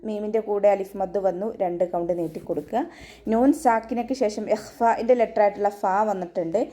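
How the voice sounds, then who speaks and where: Woman, recitation teacher for an online tajweed class, warm, mid-pitched, methodical. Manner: steady step-by-step instruction, often ending with a gentle check-in; breaks into slow, high, sustained chanting for verse examples.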